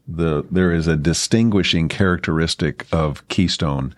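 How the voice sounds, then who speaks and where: A man with a very deep voice hosts the conversation, reflecting on his guest's points and telling an anecdote. The recording is dry and close, with no room sound. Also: no room sound. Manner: reflective, tells anecdotes, warmly affirming. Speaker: podcast host. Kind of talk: interview commentary.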